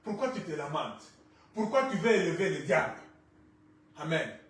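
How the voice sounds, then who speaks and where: A male pastor preaching a sermon, rising to shouts and falling quiet, with Lingala phrases mixed in. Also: on the high side, very animated, moderate pace. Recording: echoey church from far off.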